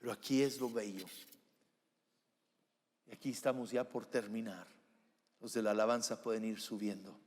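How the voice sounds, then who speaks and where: A man preaching a live church sermon, swinging from loud declarations to hushed, soft passages. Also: lowish voice, fairly even intonation, normal speed, pauses often. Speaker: pastor. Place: church sanctuary during a service. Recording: reverberant church hall with faint music.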